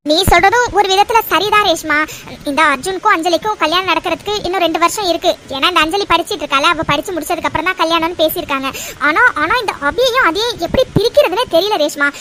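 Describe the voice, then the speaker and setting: A scheming mother from an animated story, scolding and fretting in a very high, piercing voice that a woman puts on. She talks fast and sounds brittle and bright. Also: a little hiss or hum. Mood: agitated. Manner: agitated, scolding, shrill. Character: scheming, fretful mother plotting against her daughter-in-law. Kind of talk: cartoon voice acting.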